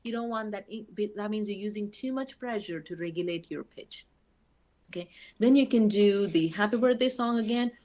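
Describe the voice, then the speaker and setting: A woman speaks to an audience over a video call, giving a practical talk on keeping the voice healthy. She demonstrates as she goes and fills her pauses with frequent ums. Her pitch sits in an ordinary middle range. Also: mellow, a little hiss or hum. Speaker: guest speaker on voice care. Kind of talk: webinar lecture.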